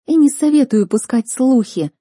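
Protective young sister voiced by a woman: sharp and commanding, dark husky timbre, dry studio read. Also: on the high side, lively intonation, fast, no echo, pitched above the performer's own voice. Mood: angry.

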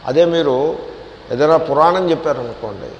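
A man's voice: on the high side, lively intonation, moderate pace, a little hiss or hum. Wry man teaching in an echoey hall. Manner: wry, questioning the audience, mixes English words. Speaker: swami teaching scripture. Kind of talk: Vedanta discourse. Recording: echoey hall with faint ambience.

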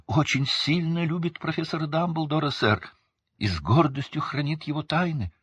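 A man voicing a timid, eager male house-elf who squeaks nervously and stammers, in a storybook reading. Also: normal speed, fairly bright tone, no echo. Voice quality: high squeak, breathy. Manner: nervous, stammering, self-abasing.

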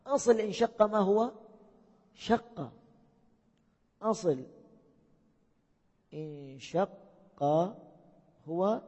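In a lecture hall, a man teaches a class on Arabic morphology, questioning his students and repeating key points. His voice is high, mellow, and slightly breathy, captured in a dull lo-fi recording with long hall reverb.

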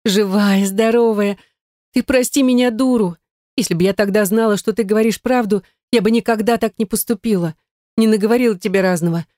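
A woman reading an excitable, gushing sister-in-law in a shrill, high voice. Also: a little fast, dry recording, clean studio sound, natural voice. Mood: pleading.

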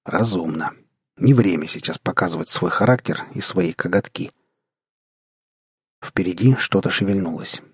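A man narrating a post-apocalyptic audiobook in the first person, measured and tense. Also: sits low, husky, no room sound, clean studio sound.

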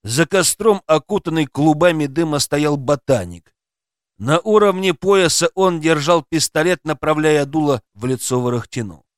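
A male narrator reads an audiobook in a fairly high voice that swings up and down with animated intonation. His delivery is dramatic and expressive. The recording is dry and close, with no room sound. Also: normal speed, no room sound.

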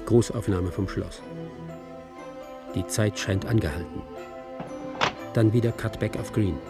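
Speaking a little slowly in a lowish register, a man acts as the aloof narrator of a screenplay read aloud for radio drama. The short, observational present-tense sentences carry a detached, suspenseful feel, and music plays beneath him.

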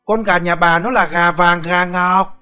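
A woman's voice: fairly low pitch, steady tone, unhurried, bright, forceful tone, clean tone, soft background music, voice pushed up. A man voicing a furious, foul-mouthed village wife who screeches curses and wails in a storybook reading. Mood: screeching abuse.

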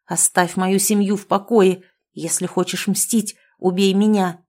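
A woman reading the part of a violent husband, shouting angrily in an audiobook. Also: medium pitch, steady tone, a little slow, natural voice. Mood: desperate. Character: guilty, violent, raging husband.

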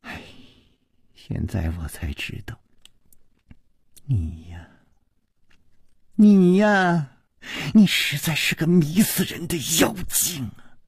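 A proud young woman of old tales, icy then sly, her lines dropped low and soft, sometimes sinking to a breathy whisper, as a man puts her on. the pace stays slow and measured, and the voice keeps a husky grain. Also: wildly swooping pitch, no room sound, clean studio sound, heavily acted. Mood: coy. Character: cold proud young woman, teasing and coy.

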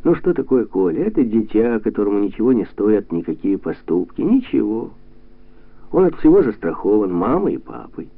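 Brief: male narrator playing a jovial, mocking, heavyset man, low gravelly voice, through a tinny lo-fi radio. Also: sing-song, normal speed, full character voice. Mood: bantering. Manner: bantering, preachy, jumps up in pitch.

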